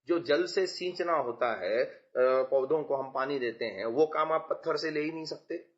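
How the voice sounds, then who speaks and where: A man's voice: on the high side, normal speed. A man teaching scripture, explaining patiently with everyday examples. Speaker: religious teacher. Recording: dull lo-fi recording.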